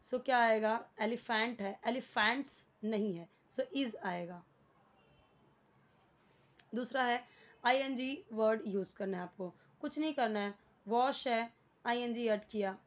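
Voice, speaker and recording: A patient woman teacher with an Indian accent walks through a worksheet, repeating words and spelling them out letter by letter. Her voice sits fairly high, and the recording sounds a little dull and muffled. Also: measured pace, long pauses. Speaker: English teacher. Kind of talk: explaining a worksheet lesson.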